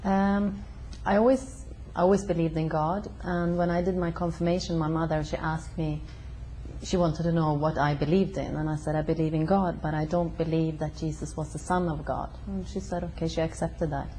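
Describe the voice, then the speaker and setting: Brief: young woman, low mellow voice, hesitant pauses. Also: fairly even intonation, a little hiss or hum. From Sweden. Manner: hesitant, pausing with ums. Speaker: interview guest. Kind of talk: conversational interview. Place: living room of a home.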